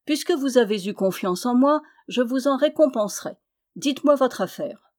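A woman's voice: high-pitched, lively intonation, normal speed, a little mellow, pitched above the performer's own voice. A woman reading aloud, voicing an ancient giantess who is mother of the winds, stern yet kindly and firm in tone.

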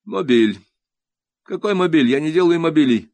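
A man's voice: mid-range voice, sing-song, unhurried, dry recording, pitched above the performer's own voice. A man voicing a self-assured, pompous male sculptor. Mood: indignant. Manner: confident, pompous, then indignant.

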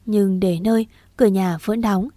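A woman narrating a story as an audiobook in an even, steady manner. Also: medium pitch, moderate pace, dry recording.

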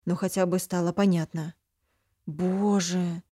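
Lady reading a story in first person, lowish mellow voice, dry close mic. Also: steady tone, normal speed, no echo. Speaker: audiobook narrator. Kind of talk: first-person audiobook narration.

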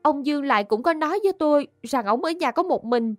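A high, deferential young woman, voiced by a woman, pleading her case to an official. The voice is close and dry, with faint music behind it. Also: lively intonation, fast, dry recording. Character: young woman accused of murder, earnest and polite.

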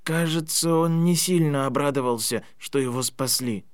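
A man's voice: mid-range voice, normal speed, no room sound, clean studio sound, close to an everyday voice. A man reading an audiobook, voicing a clever boy who speaks earnestly and at times strains his voice.

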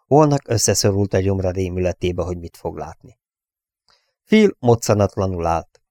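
A man reading an audiobook in a steady, measured storytelling manner. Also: low voice, no room sound. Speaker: audiobook reader. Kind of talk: audiobook narration.

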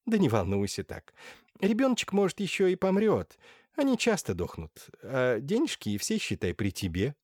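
A man's voice: medium pitch, huge pitch swings, normal speed, darkish tone, no echo, pitched above the performer's own voice. A man voicing a domineering, scheming older noblewoman in an audiobook, by turns wheedling and hissing. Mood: coaxing. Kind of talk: audiobook character voice. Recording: dry close studio sound.

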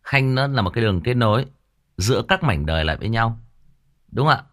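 Talking fast with lively intonation, this Vietnamese audiobook narrator and channel host discusses a story casually on a livestream. His medium-pitched voice is fairly bright, and he rambles, often repeating words as he hunts for what comes next.

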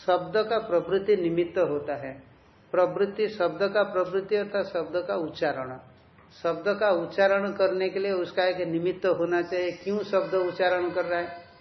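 A man with a fairly high voice delivers a scriptural commentary lecture, posing questions and answering them with simple examples. The sound is echoey and a bit dull and lo-fi, as if taped in a bare hall. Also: fairly even intonation, normal speed. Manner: reads and corrects a text line by line with students. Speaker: spiritual teacher. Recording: echoey, dull lo-fi room recording.

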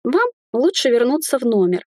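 A woman reading the part of a gentle, worried young woman on a hotel staff, speaking softly and coaxingly. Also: on the high side, lively intonation, normal speed, no echo, studio quality, voice pushed up. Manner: soft, coaxing.

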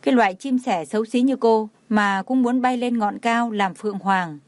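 A woman's voice: fairly high pitch, moderate pace, no echo, natural voice. A woman reading the lines of a spiteful, mocking young rich woman in a story. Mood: taunting. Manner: taunting, scornful.

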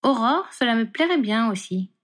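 A woman voicing a blunt, sharp-tongued young woman in a storybook reading. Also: a little high, expressive, normal speed, voice pushed up. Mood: fond. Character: blunt teasing young woman, Ron's sister.

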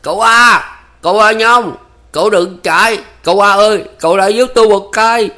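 A panicked country man in a spoken story stammers and cries out, close to tears, as the male narrator puts him on. His voice jumps well above the reader's own and comes out loud and strained. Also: high voice, moderate pace, voice pushed up. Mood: desperate shouting. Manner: stammering, shouting, near tears. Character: panicked rural man, frantic and desperate.

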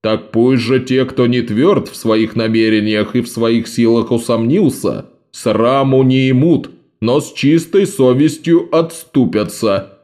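A man playing a grave old-world high priest. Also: darkish tone, natural voice. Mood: solemn warning. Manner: slow, solemn, ceremonial. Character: grave middle-aged male high priest of a thieves' god.

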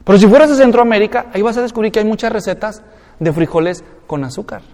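A Mexican pastor with a Mexican Spanish accent delivers an expository sermon in a fairly high voice. He acts out everyday examples with lively swings. His voice rings through a large hall with a long reverb. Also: fast. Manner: animated, acts out everyday examples with rising pitch.

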